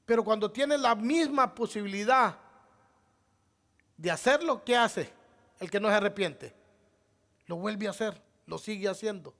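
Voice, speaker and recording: A man's voice: high-pitched, a bit bright. A male pastor preaching a sermon, asking rhetorical questions and addressing the congregation as beloved brother.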